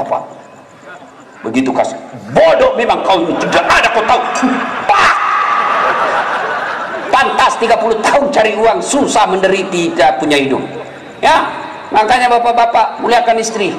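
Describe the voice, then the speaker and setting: A man preaching a humorous sermon, telling stories and acting out characters in lively voices. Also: extremely high pitch. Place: hall with live audience. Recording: echoey hall with faint noise.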